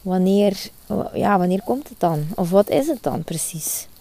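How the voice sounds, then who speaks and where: A woman's voice: mid-range voice, animated, measured pace, warm tone. A woman, hosting a spiritual podcast monologue outdoors in the sun, earnest and repeating her phrases. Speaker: podcast host.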